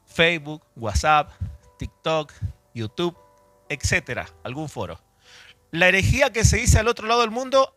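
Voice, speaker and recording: A man in his forties, from Chile and raised in Argentina, teaching doctrine to a congregation in a talkative way that doubles back on its phrases. His voice sits somewhat high for a man. The recording is close and dry, with faint music underneath. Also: a bit bright, no echo. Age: 40s. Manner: conversational, with restarts and self-corrections. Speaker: church teacher and apologist. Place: church hall.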